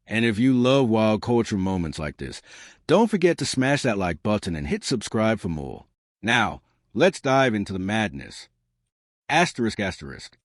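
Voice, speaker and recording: A man's voice: on the low side, big pitch swings, moderate pace, no room sound, clean studio sound. A man hosting a scripted reaction video, giving hyped-up, mocking commentary with emphatic delivery. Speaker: host of a reaction channel.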